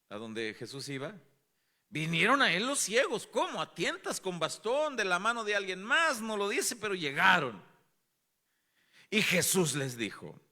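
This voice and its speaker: A man's voice: high-pitched, sharp tone. A man preaching a sermon as pastor, dramatizing scripture and putting questions to the congregation. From Mexico.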